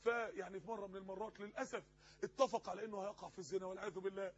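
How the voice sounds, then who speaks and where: A man with an Egyptian accent preaching a sermon, pleading and impassioned, rising to tearful shouts. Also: high-pitched, fairly even intonation, very fast, muffled recording, a little hiss or hum. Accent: Egyptian Arabic.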